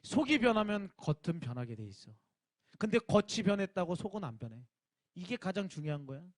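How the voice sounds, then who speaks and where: High-voiced man preaching casually to teens. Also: sing-song, fairly quick, no room sound. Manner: talks informally and directly to students, with emphatic rising bursts. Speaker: youth pastor. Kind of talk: casual sermon to teenagers.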